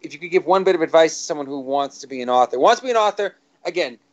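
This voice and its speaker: A man's voice: fairly high pitch, lively intonation, very fast. A man hosting a live talk show, asking questions in a jokey, rambling way with many fillers. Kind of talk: casual chat. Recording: dull lo-fi sound.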